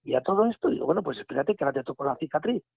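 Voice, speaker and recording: Gravelly man from on a phone line. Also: a little high, racing, no echo. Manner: animated retelling with quoted dialogue and restarts. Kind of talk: casual storytelling.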